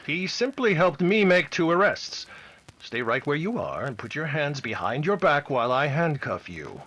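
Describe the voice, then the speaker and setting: An actor playing an upright, fearless Mountie sergeant in an old-time radio serial, firm and formal. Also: male voice, on the high side, big pitch swings, moderate pace, fairly bright tone, highs cut off. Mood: calm, firm.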